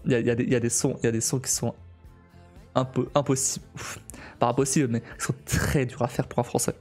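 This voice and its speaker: A male streamer in casual live-stream chat, talking in a halting way with many restarts and frequent laughs. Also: mid-range voice, level tone, darkish tone, faint music behind.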